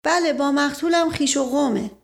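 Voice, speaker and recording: A woman's voice: sits high, gravelly, pitched above the performer's own voice. A woman doing a flustered, rambling old servant. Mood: evasive. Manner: rambling, hedging with stock phrases.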